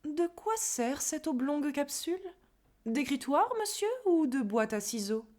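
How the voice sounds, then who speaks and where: A proud, witty swordsman of the stage, acted by a woman declaims verse with hammy relish. The delivery is slow and deliberate at a medium pitch, switching tone sharply as each mocking line is savored. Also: natural voice. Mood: mock curious. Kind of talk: theatrical verse monologue recitation.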